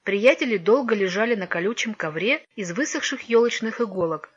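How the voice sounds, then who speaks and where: A woman narrating a children's story in an even, measured reading voice, on a dull lo-fi recording. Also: mid-range voice, husky. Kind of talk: audiobook narration.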